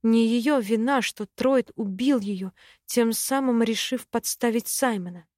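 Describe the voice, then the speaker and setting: A woman reading a first-person fantasy novel aloud in an even, steady way. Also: fairly high pitch, a little slow, no room sound, clean studio sound. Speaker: audiobook narrator.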